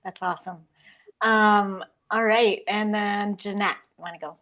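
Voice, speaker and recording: A woman's voice: medium pitch, fairly even intonation, a little slow, a bit bright, dull audio. A woman moderating an online panel, upbeat and encouraging, handing the turn to each guest. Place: video call.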